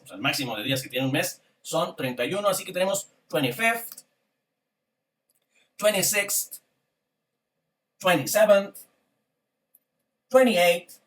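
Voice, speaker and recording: Upbeat, high-voiced man teaching slowly. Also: fairly bright tone, distant mic. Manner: upbeat and encouraging, frequently praising and asking "ok?". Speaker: English teacher. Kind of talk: online language lesson with repeat-after-me drills.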